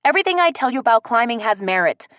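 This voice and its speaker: A woman's voice: fairly high pitch, fast talker, dry recording, muffled recording, pitched above the performer's own voice. A woman voicing a protective, hot-tempered tree-climbing woman who barks orders like a drill sergeant. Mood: clenched anger. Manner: commanding, strained calm.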